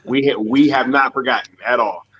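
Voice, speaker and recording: A man's voice: medium pitch, steady tone, brisk, a crowd in the background. A man hosting a casual live stream chat, talking in a laid-back, slangy way full of fillers. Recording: dull lo-fi stream audio.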